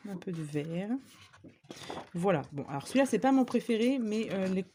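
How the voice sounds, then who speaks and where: A woman's voice: mid-range voice, lively intonation, moderate pace, dark tone, a little hiss or hum. A woman chatting casually to viewers as she shows off craft supplies she bought, with lots of fillers and small asides. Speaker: scrapbooking vlogger. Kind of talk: casual shopping haul show-and-tell.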